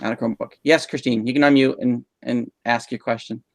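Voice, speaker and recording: A man leads teachers through tech tools on a video call, calm and patient, stopping often with "um." The sound is dry and close, with little room around it. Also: mid-range voice, fairly quick, no room sound. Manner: patient, explanatory, frequent um fillers. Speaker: instructional technology trainer. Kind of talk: live online teacher training session. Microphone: video call mic.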